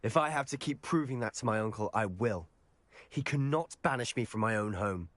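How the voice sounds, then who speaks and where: Headstrong schoolboy wizard. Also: male voice, fairly low pitch, expressive, fairly quick, fairly bright tone, no room sound. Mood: defiant. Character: defiant, headstrong teenage wizard schoolboy, protective brother. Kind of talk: dramatic video game acting.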